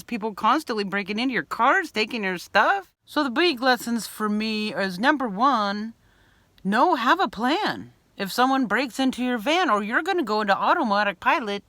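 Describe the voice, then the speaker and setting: A woman vlogger telling a story to camera in an animated way, acting out scenes and yelling some lines. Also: medium pitch, dry recording. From Bay Area, California. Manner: expressive, acts out scenes with loud bleeped yelling. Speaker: van life vlogger.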